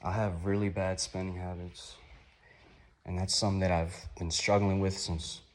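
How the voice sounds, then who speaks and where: A man in his twenties, somewhat hoarse, talking through a rambling, upbeat, reflective vlog. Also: sits low, flat delivery, moderate pace. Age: 20s. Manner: rambling, upbeat, gently motivational. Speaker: vlogger.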